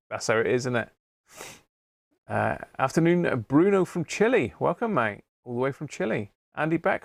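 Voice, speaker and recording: A British man with a medium-pitched voice and some vocal fry hosts a live radio-repair hobby stream, chatting casually in a rambling, matey style. The studio sound is clean, with no echo.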